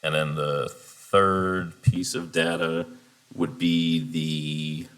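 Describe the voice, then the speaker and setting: A man with a very deep, low voice speaks for a union coalition at a bargaining table. He talks in a measured, deliberate way and slows down to spell out his data requests clearly. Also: sing-song, a bit bright. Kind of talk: formal negotiation statement.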